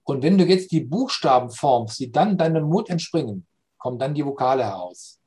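A man explaining spiritual and philosophical ideas in a slow, reflective conversation, often checking understanding with "ja?". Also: medium pitch, animated, dark tone.

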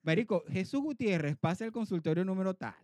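A man with a Venezuelan Spanish accent from Zulia, co-hosting a podcast and telling a story in casual chat, animated and laughing often. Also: high-pitched, fast talker, no echo. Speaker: podcast co-host.

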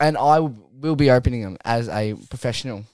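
Young man, Australian accent, mid voice, excitable and joking, podcast co-host. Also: mid-range voice, brisk, smooth, no echo, studio quality. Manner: excitable, joking, stumbling restarts. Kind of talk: casual footy tipping chat.

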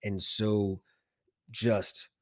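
Deep-voiced man telling animated stories. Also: drawn-out words, no room sound, studio quality. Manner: animated storyteller, acts out quoted voices. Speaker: podcast co-host. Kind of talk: casual chat.

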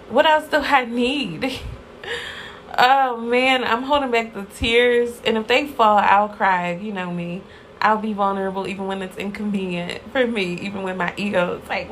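A woman hosting a podcast, talking casually and warmly about gratitude, with many fillers and y'all. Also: medium pitch, a little hiss or hum, low-quality recording. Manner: effusive and heartfelt, with many fillers and Southern-style y'all. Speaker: podcast host. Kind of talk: casual spiritual podcast monologue.

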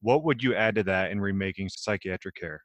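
A man hosting an interview, reading out prepared questions in a measured, deliberate way. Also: lowish voice, fairly bright tone, no echo. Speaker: interview host.

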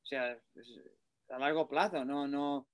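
A man's voice: mid-range voice, fairly even intonation, measured pace, clean tone, no echo. A man with a Spanish accent from Spain chatting casually and colloquially about sports, offering his opinions.

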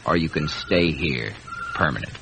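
A man's voice: a bass voice, animated, normal speed, creaky, music in the background, exaggerated voice. An actor playing a cool, menacing American gangster killer with slangy, taunting tough-guy talk in an old radio drama. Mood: cool menace. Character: cool, menacing gangster killer sweet-talking his frightened girl. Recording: noisy vintage radio recording.

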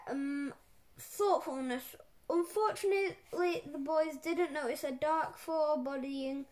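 A woman reading a children's book aloud in an animated, playful way. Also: high voice. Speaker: storyteller.

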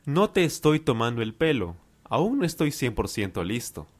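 A Peruvian man reading the lines of a calm, reassuring young man student in a lesson dialogue. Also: medium pitch, normal speed. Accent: Peruvian Spanish.

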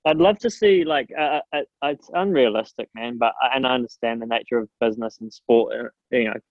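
A man's voice: mid-range voice, fairly quick, no room sound. Slangy man with a broad Kiwi accent, dull audio. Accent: broad New Zealand. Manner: informal, slangy, earnest. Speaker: strength and conditioning coach, guest. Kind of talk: casual interview chat.

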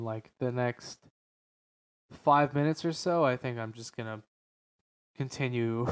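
A man hosting a casual podcast on entertainment in a deep, slightly stuffy voice, rambling and correcting himself as he goes. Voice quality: slightly stuffy, nasal sound. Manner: hesitant, rambling, self-correcting, frequent "like". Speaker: podcast host. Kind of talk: casual unscripted podcast talk about games and films.

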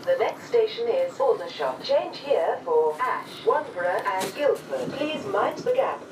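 An automated female train announcement, its prerecorded words spliced together and played over a train loudspeaker in a flat, scripted delivery. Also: a little high, unhurried. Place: inside a moving train. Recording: echoey distant loudspeaker in a noisy train.

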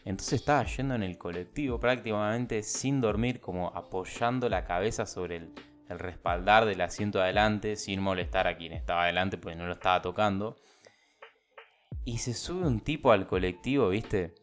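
A man with a Buenos Aires accent telling a story casually on a podcast, animated and acting out what people said. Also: low voice, moderate pace, faint music behind. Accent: Argentine, Buenos Aires. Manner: animated, acts out the dialogue of people in his story. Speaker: podcast host.

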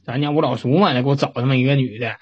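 A man playing an evasive, smooth-talking man who coaxes and pleads, with a husky voice. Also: mid-range voice, racing, muffled recording, lightly acted. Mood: defensive. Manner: coaxing, pleading.

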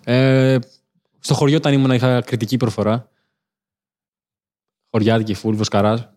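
A young man from Crete sits in as the comedian guest on a casual podcast. He talks in a middle-pitched voice, spinning relaxed stories and breaking into laughter easily. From Crete, Greece.

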